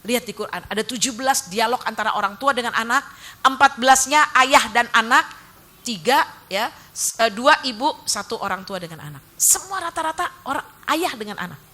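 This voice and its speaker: Woman, religious teacher, women's study lecture, bright forceful voice, slightly high, animated, teasing asides. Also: a little hiss or hum. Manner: acts out dialogues in different voices.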